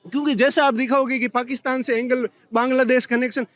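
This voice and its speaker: A young man from Rajasthan speaks out passionately as a protester in an outdoor street interview. His voice sits very high for a man. He talks in heated, rapid bursts. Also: steady tone, fairly bright tone, no echo. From Rajasthan, India. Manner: impassioned, rapid-fire complaints.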